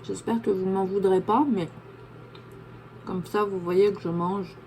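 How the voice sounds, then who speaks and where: A woman's voice: medium pitch, fairly even intonation, unhurried, dark tone, a little hiss or hum. Woman chatting casually while eating. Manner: chatty, talks while chewing a sandwich. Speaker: vlogger. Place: home room, backlit.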